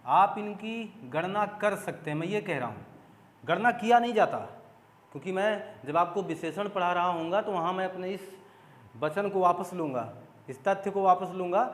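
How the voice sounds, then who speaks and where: A man teaching an exam-prep grammar lesson, explaining step by step, repeating key points and putting questions to his students. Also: sits high. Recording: echoey room with long reverb.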